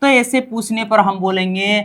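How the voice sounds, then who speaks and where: A woman teaching a grammar lesson, repeating each word slowly and quizzing the learners as she goes. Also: medium pitch, fairly bright tone. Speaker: language teacher.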